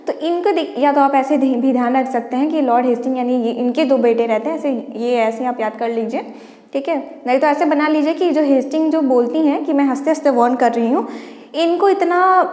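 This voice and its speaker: A woman's voice: sits high, darkish tone. A woman teaching an exam-prep lesson, walking students through a memory trick step by step and often prompting them to look. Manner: explains step by step, often says "dekhiye" to prompt listeners. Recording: echoey room with long reverb.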